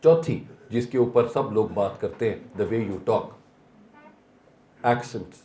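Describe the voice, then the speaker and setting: A man gives a motivational seminar talk in a low, mellow voice. He slips English phrases into his speech and asks the audience rhetorical questions. The sound is echoey, as in a hall. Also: a little hiss or hum. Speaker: seminar speaker.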